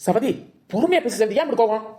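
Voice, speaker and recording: A woman voicing a patient, calm young village man in a cartoon, reasoning with the others. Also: fairly high pitch, quick pace, slight background noise, lightly acted. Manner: reasoning and soothing.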